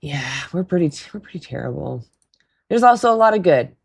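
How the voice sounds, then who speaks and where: Very animated and brisk, this woman hosts a casual livestream call-in, chatting loosely, laughing often, and bantering with her chat. Her raspy, hoarse voice has a fairly low pitch and a darkish tone.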